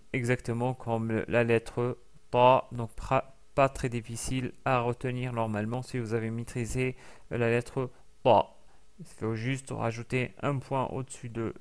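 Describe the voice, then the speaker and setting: A man teaching a lesson in French, explaining slowly with many fillers and restarts and carefully sounding out each letter. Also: medium pitch, smooth. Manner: carefully over-articulates sounds being taught. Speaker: Arabic teacher. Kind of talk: recorded language lesson.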